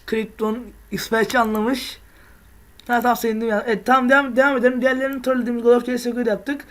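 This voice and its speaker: A woman hosts a gaming video, chatting casually in slang, laughing often, and teasing others. Her voice is on the high side and level in tone, and she talks fast.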